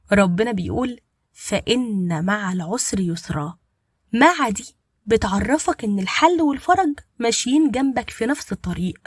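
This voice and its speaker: Fast-talking Egyptian woman storyteller. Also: mid-range voice, slightly rough, no echo, clean studio sound. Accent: Egyptian Arabic. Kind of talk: scripted story narration.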